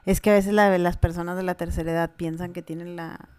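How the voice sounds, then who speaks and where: A woman's voice: lowish voice, level tone, brisk, darkish tone, clean tone. Earnest Mexican woman, candid talk. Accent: Mexican Spanish. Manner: candid, earnest, many fillers. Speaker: podcast co-host, mother. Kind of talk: casual conversation.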